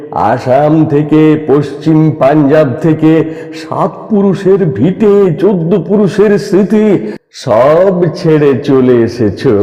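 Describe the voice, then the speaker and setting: An actor playing a crazed, impassioned patriotic shepherd in a hammy, declamatory Bengali folk-theatre monologue, with repeated cries and dramatic pauses. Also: male voice, a little high, warm tone, close to an everyday voice. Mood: mock surprise. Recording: dull, echoey hall-like stage recording.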